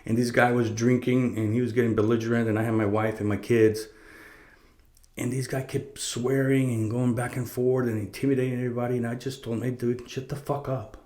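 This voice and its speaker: A middle-aged man talks through a personal story in a loose, unscripted way, stopping and restarting his sentences and swearing without hesitation. His voice sits at an ordinary male pitch, and the recording carries a noticeable roomy echo. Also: flat delivery, a little fast, a little mellow. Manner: conversational, profane, many fillers and restarts. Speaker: podcast host. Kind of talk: casual storytelling monologue.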